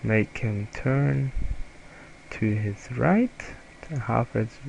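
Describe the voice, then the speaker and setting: A young man with a German accent, a German native speaker, giving a halting, self-correcting software tutorial over a screen recording. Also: mid-range voice, creaky, slight background noise, poor audio. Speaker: student presenter.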